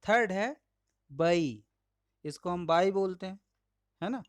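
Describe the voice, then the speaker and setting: A male pronunciation teacher with an Indian English accent and Hindi as his first language, slowly and patiently modeling each word aloud while explaining slides. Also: sits high, lively intonation, no echo. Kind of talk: slide-based lesson.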